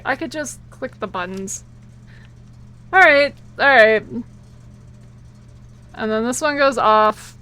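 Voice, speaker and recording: A woman's voice: a little high, bright, forceful tone, smooth. A woman livestreaming a video game with casual commentary and a cute, bubbly anime-streamer delivery.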